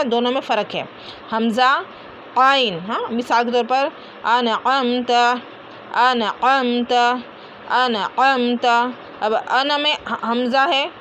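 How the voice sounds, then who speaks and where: A woman teacher, slowly drilling letter sounds and repeating each one aloud, often checking with "है ना?". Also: on the high side, fairly bright tone, slight background noise. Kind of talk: Quran letter pronunciation lesson.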